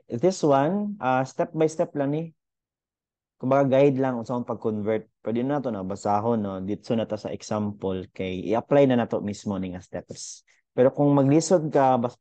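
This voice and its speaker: A man's voice: medium pitch, dark tone, no room sound, dull audio. A young man teaching a casual physics lesson, chatty and thinking aloud with fillers as he goes through units.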